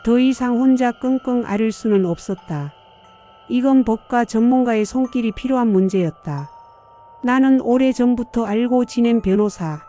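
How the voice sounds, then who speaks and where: An older woman narrating a first-person audiobook story in a measured, somber way. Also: a little high, warm tone.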